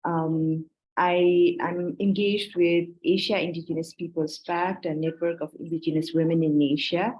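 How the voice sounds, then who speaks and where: A woman's voice: fairly low pitch, flat delivery, normal speed, lo-fi sound. A woman from Nepal giving a conference presentation, hesitant and full of fillers.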